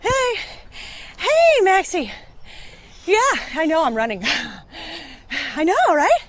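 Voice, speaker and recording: A chatty woman who gets flustered and rambles, hunting for words. Her voice sits high and swings widely in pitch. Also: very animated, slow pace, exaggerated voice. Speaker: friend of the lead. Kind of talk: film acting.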